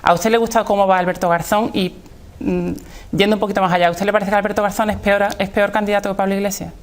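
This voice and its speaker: A woman's voice: mid-range voice, flat delivery, fast. A woman putting questions to a guest as an interviewer in a political interview.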